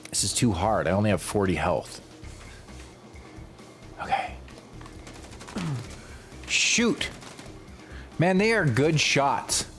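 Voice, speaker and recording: A man's voice: fairly low pitch, wildly swooping pitch, takes it slowly, long pauses. A man streaming a shooter game, talking through it in exasperated, grumbling asides. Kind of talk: gameplay commentary. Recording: loud game music and gunfire behind.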